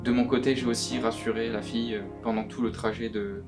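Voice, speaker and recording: A young man's voice, disguised by being pitch shifted deeper, gives anonymous testimony. He speaks in an earnest, halting way at a middling pitch. Clear guitar music plays under him. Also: flat delivery. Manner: earnest, halting, often repeats words. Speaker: anonymous witness giving testimony. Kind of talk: recorded testimony, answering questions. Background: plucked guitar music.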